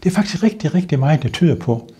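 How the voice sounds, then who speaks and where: Man telling ghost stories in a hall. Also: on the high side. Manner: lively storyteller, building suspense. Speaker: castle tour guide. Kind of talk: ghost-story guided tour. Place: castle rooms and wine cellar, indoors. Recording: long reverb in a stone castle room.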